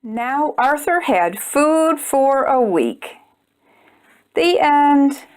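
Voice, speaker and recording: At storytime, a woman reads to children in a high, highly animated voice, going extremely slowly. She performs the text expressively and turns to speak directly to the kids.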